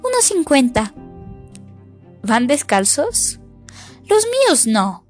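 A woman's voice: high voice, wildly swooping pitch, slow pace, soft background music, voice pushed up, heavily acted. A woman reading aloud and voicing a fussy, imperious lady colonist who speaks brusquely and with disgust. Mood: matter-of-fact. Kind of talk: audiobook character voice.

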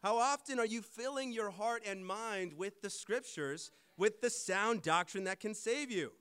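A man's voice: high voice, a little slow, a bit bright, clear, resonant tone. A man preaching a sermon to his congregation, emphatic and putting rhetorical questions to the people in front of him.

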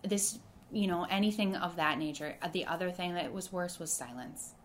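A woman's voice: lowish voice, lively intonation, moderate pace, a little hiss or hum. A woman, a podcast guest speaking in casual chat, earnest and reflective, often restarting her sentences.

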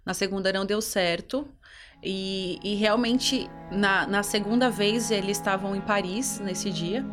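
A woman's voice: mid-range voice, measured pace, music in the background. A woman with a Brazilian Portuguese accent, giving an emotional personal testimony in an interview and telling her story earnestly.

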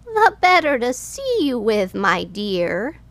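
A woman's voice: on the high side, wildly swooping pitch, slow pace, fairly bright tone, exaggerated voice. A woman voicing a wicked male wolf in disguise, coaxing and sweetly sinister.

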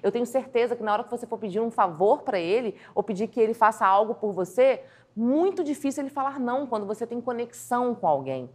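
A woman teaching communication skills in a lively video lesson, acting out little scenes as she goes. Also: fairly high pitch, fast, hardly any pauses. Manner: animated, acts out little scenes in quotes. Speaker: communication coach.

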